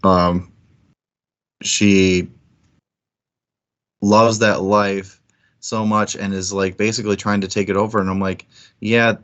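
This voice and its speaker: Fairly low in pitch with little movement, a man takes it slowly and pauses often; his tone is a bit bright but the highs are cut off. He co-hosts a book club livestream, casually chatting about books in a rambling, think-aloud manner.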